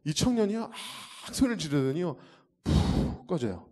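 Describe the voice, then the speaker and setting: Lively man telling a church testimony. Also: on the high side, normal speed. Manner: vivid storytelling, acting out the scenes. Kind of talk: animated testimony before an audience. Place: church hall.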